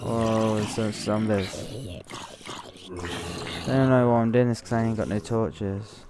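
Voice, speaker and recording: A man's voice: lowish voice, steady tone, a little slow. Jittery man narrating gameplay, noisy recording. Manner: jittery, nervous exclaiming, repeats himself. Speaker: gaming video host. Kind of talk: live gameplay commentary.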